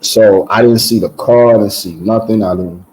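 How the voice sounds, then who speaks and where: Low, mellow-voiced man telling his story. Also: moderate pace, rough recording. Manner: animated, repeats words and restarts with many "um"s. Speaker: guest giving a testimony. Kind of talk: casual personal storytelling.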